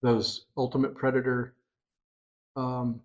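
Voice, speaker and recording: A middle-aged man hosting a podcast, telling a hunting story in casual chat, excitable and animated. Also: mid-range voice, slow. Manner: excitable, animated storyteller, voices others in quotes. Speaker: podcast host.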